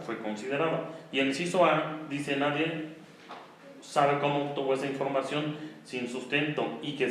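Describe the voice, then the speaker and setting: A man's voice: medium pitch, fairly bright tone. A man with a Mexican Spanish accent teaching a grammar class, patient and explanatory, checking in with the students as he goes. His voice rings around a very echoey room. A faint hiss sits underneath.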